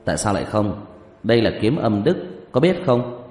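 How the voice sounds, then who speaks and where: A man doing a calm, sly young exorcist, low and offhand. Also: normal speed. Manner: offhand, matter-of-fact explaining. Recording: roomy reverberant recording.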